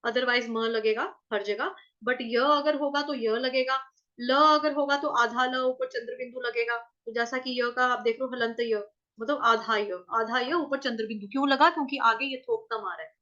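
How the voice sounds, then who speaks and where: A woman teaching Sanskrit verse pronunciation, sounding out syllables slowly and asking and answering her own questions. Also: on the high side, fairly even intonation, sharp tone. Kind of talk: pronunciation lesson, slow syllable-by-syllable chanting. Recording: dull lo-fi recording.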